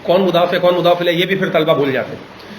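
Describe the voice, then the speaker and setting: A man's voice: high-pitched, crowd noise. Corrective male grammar teacher, echoey room. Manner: patient, corrective, quizzing students. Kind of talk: Arabic grammar class.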